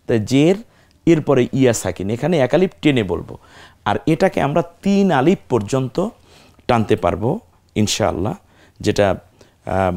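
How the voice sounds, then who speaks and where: A man teaching Quran recitation, building words syllable by syllable and repeating each one slowly. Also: mid-range voice, dark tone. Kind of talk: step-by-step recitation lesson.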